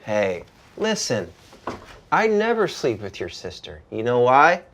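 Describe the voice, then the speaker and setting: A man's voice: mid-range voice, huge pitch swings, a little slow, fairly bright tone, slight background noise, exaggerated voice. A man playing a sensitive macho buddy in a goofy, clueless sitcom voice, in an exaggerated 90s parody style. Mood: awkwardly sincere.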